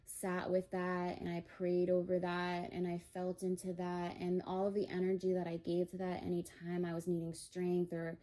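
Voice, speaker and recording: A woman's voice: lowish voice, monotone, moderate pace, hardly any pauses, dark tone. A young woman giving a spiritual tarot-style reading, rambling and emotional, with many fillers. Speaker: tarot reader.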